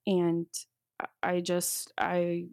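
A woman with a low, gravelly voice and a mellow, dark tone tells her story as a podcast guest. She talks haltingly, circling back with fillers and restarts. The recording is close and dry. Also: monotone, dry recording. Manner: halting, many restarts and fillers while recounting. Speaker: guest sharing a testimony. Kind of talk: personal storytelling in an interview.

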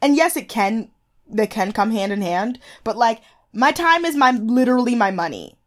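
A woman's voice: fairly high pitch, animated, moderate pace. A woman co-hosting a podcast, chatting casually and bluntly, swearing freely and filling with "like". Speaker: podcast co-host. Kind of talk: casual recap chat.

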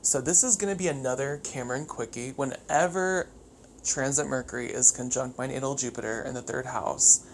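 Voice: medium pitch, moderate pace. A podcast host talking casually and solo with wired, chattery, over-caffeinated energy, swearing freely. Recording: clear background noise.

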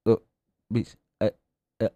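A man's voice: slow, dark tone, no echo. A male radio DJ on a prank phone call, chopping his words into broken fragments to fake a bad connection that keeps cutting out. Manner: fakes a breaking-up line by clipping his words into choppy fragments.

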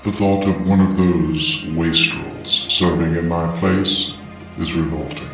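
A solemn, dignified Grim Reaper speaks in a hushed voice that sits very low and drags along slowly, as a man narrating the story puts him on. The sound is far off and heavily echoing, as if carried through a vast chamber. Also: steady tone, faint music behind, heavily acted. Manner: slow, hushed and measured.

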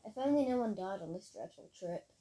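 A woman's voice: medium pitch, lively intonation, a little fast, warm tone, natural voice, rough recording. A woman reading a story aloud, voicing an anxious, frightened young girl who sounds worried.

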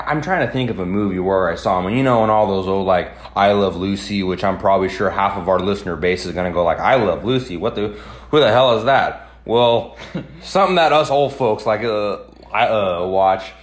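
Young male podcast host, slightly low voice, casual, rambling, circles back over phrases. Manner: rambling, repeats and restarts phrases. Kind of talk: casual chat.

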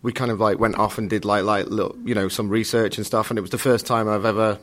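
Laid-back man, lowish voice. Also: steady tone, fast, a bit bright. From Sheffield, England. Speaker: stage actor. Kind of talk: casual interview.

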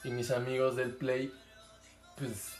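A man's voice: medium pitch, monotone, slow pace. A young man with a Mexican accent, co-hosting a podcast in casual, hesitant, laughing banter. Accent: Mexican Spanish. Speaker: podcast co-host. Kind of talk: casual chat. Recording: echoey room with faint music.

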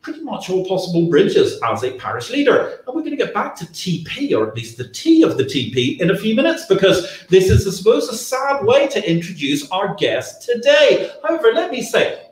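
A middle-aged man hosting a livestream, presenting in a theatrical, effusive and wordy way. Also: a little high. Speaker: livestream host. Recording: roomy echo.

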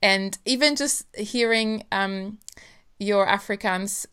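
A woman's voice: mid-range voice, slow, a bit bright, smooth. A woman hosting a casual interview, speaking in an effusive, gushing manner. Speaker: podcast host.

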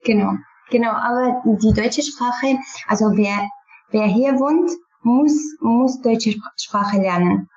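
A woman from Syria, whose first language is Kurdish and who has a Kurdish accent, talks about herself as a podcast guest in simple, careful sentences. Her voice is on the high side, slow and a little mellow, with lo-fi sound.

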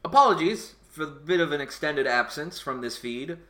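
A man's voice: a little high, lively intonation, moderate pace, fairly bright tone. An American man hosting a casual podcast as its gaming historian, full of joking, self-mocking banter.

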